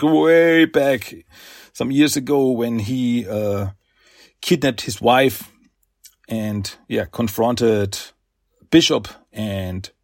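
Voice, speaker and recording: A man's voice: on the low side, no echo, clean studio sound. A man hosting a podcast who casually recaps comic book issues, rambling and acting out quoted lines with many fillers. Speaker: podcast host.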